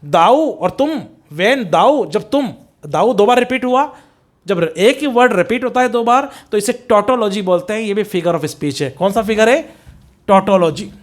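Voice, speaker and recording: High-voiced male English literature teacher. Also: expressive. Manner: explains in Hindi mixed with English, reads poem lines slowly and stretched; asks and answers his own questions. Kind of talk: exam-prep lecture.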